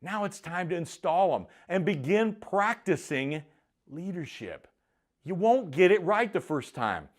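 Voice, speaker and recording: A middle-aged man, a leadership coach and show host, delivers a motivational monologue in a punchy, emphatic, challenging style. His voice is high-pitched and very animated, though his pace is a little slow.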